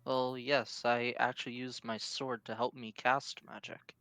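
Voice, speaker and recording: A man's voice: medium pitch, flat delivery, measured pace, gravelly, a bit bright, no room sound. A man chatting casually as a player in a tabletop game, speaking hesitantly. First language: English.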